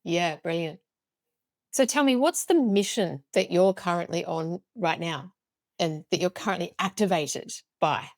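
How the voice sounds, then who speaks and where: A woman's voice: on the low side, measured pace, a little mellow, dry recording. A woman hosting a podcast interview, speaking in an enthusiastic, upbeat way. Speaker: podcast host.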